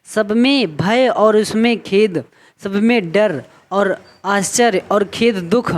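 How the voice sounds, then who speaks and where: Male teacher explaining Hindi poetry. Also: high voice. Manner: slow recitation of verse, then line-by-line explanation with repetitions. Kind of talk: explaining a Hindi poem to students.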